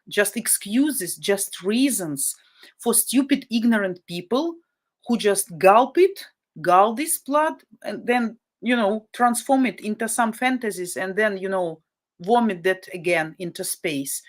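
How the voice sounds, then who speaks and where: Hosting a casual live stream, a woman from Ukraine, a native Russian speaker with a Ukrainian-Russian accent, talks bluntly and indignantly, often repeating herself for emphasis. Her medium-pitched voice is animated and her pace measured.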